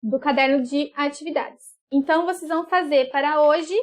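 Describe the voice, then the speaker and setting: A woman's voice: sits high, fairly even intonation, moderate pace. A woman schoolteacher explaining a lesson patiently, drawing words out and checking in with her pupils often. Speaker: school teacher. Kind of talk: remote class explanation.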